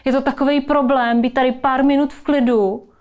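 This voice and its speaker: A woman's voice: sits high, a little mellow, pitched above the performer's own voice, natural voice. A woman voicing a worried, reproachful young mother talking to her small child. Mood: scolding. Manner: anxious, reproachful.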